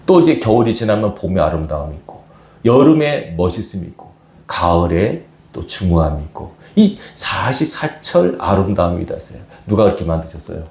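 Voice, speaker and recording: A man's voice: low-pitched, very animated, moderate pace, a little mellow, reverberant. A man preaching a sermon as pastor to his congregation, often asking them questions. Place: church sanctuary.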